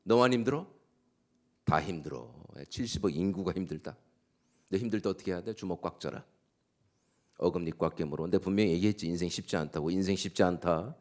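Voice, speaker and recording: A man's voice: rumbling low, flat delivery, a little fast, long pauses. A man voicing an irritated, impatient male God who snaps and scolds, acted out in a sermon. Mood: scolding. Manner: loud, snapping, impatient scolding.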